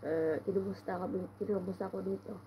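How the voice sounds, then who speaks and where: At home, a vlogger with a mid-range, cold-congested voice tells a rambling, casual story at a quick pace and fairly even intonation. She meanders and sighs often as she complains, with noise in the background.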